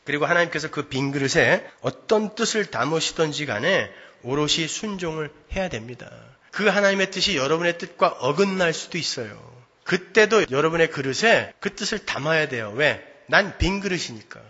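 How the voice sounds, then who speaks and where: A man's voice: a little high, expressive, moderate pace, hardly any pauses, bright, forceful tone, breathy edge. A male pastor preaching a sermon, driving his points home with rhetorical questions to the congregation. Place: church sanctuary. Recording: reverberant church hall, dull lo-fi sound.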